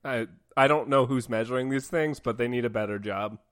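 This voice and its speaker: A man's voice: medium pitch, a little fast, dry recording, clean studio sound. A man co-hosting a podcast, recapping a TV episode in rambling casual chat full of fillers. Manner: rambling, many fillers, animated. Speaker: podcast co-host.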